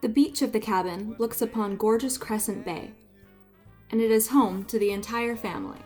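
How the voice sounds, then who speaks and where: A woman's voice: a little high, normal speed, a little mellow, faint music behind. A woman narrating a scripted family video, telling it in a proud tour-guide way.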